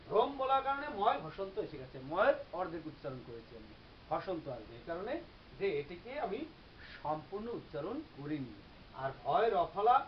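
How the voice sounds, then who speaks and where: A teacher giving a grammar lecture, explaining step by step and repeating example words slowly. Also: medium pitch. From Bangladesh. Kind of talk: classroom-style grammar lecture. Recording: slightly dull recording with faint hiss.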